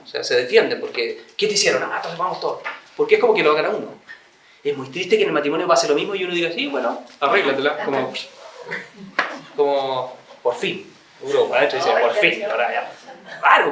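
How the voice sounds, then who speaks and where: A high-voiced man lectures an audience and slips into little acted-out dialogues. He sounds set back from the mic, and his voice rings around an echoey room. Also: distant mic, a little hiss or hum. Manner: acts out little dialogues, animated and chatty. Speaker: speaker giving a talk on marriage.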